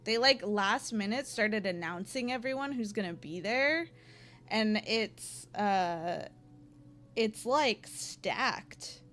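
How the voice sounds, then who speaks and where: Chatty young woman streamer, unhurried. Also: medium pitch, expressive, fairly bright tone, soft background music. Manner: chatty and slangy, lots of filler words. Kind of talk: casual chat with stream viewers.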